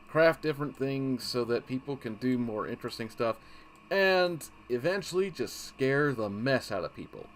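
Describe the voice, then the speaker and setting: A man's voice: mid-range voice, a bit bright, a little hiss or hum. A man hosting a casual game walkthrough, rambling and easily sidetracked, often breaking off mid-thought. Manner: rambling, easily distracted, self-interrupting. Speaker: gaming channel host.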